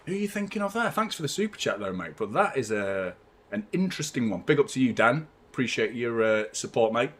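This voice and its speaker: A young man hosting a fan watchalong stream, rambling chattily and giving shout-outs to viewers. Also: a little high. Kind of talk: live stream chat with viewers.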